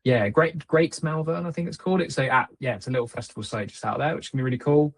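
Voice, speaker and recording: Husky, easygoing young man. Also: mid-range voice, quick pace. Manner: rambling, easygoing, many fillers. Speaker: music producer and DJ guest. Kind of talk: casual chat.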